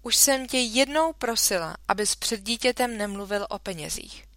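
A woman's voice: on the high side, expressive, fairly bright tone, dry recording, pitched above the performer's own voice. A woman reading a children's story aloud, voicing an indignant, scolding mother in a dry room. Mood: reproachful.

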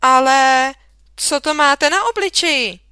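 A woman's voice: high voice, sharp tone, no room sound, clean studio sound, pitched above the performer's own voice. Woman voicing a strict, snapping schoolteacher. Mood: stern. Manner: exclaiming, scolding. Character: strict irritable female history teacher.

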